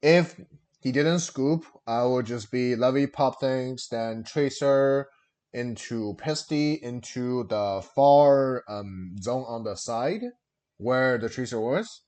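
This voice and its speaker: This streamer speaks slowly in a medium-pitched, somewhat dark voice, talking through his card game moves on a headset mic. The commentary on his own turn is relaxed and loaded with fillers, with the typical sound of livestream audio.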